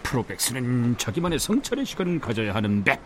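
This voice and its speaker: A middle-aged man playing a boastful, grumbling father in a radio drama, quick to shout. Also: medium pitch, big pitch swings, slight background noise, close to an everyday voice. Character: blustering, idle middle-aged dad.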